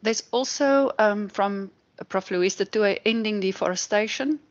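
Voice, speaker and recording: A woman's voice: mid-range voice, unhurried. A woman moderating a lecture, reading out audience suggestions in a brief, matter-of-fact way. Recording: dull lo-fi recording.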